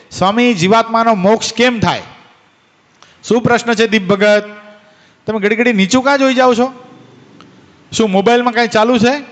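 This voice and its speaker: High-voiced preacher, echoing hall. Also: male voice. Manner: questions and teases listeners by name. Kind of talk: devotional discourse to a gathering.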